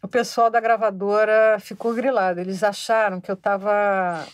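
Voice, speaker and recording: Lively Brazilian woman telling a story. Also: medium pitch, moderate pace, slight background noise. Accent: Brazilian Portuguese. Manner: lively anecdotal storyteller, chuckles mid-sentence. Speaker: singer-songwriter guest. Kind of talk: casual storytelling in an interview.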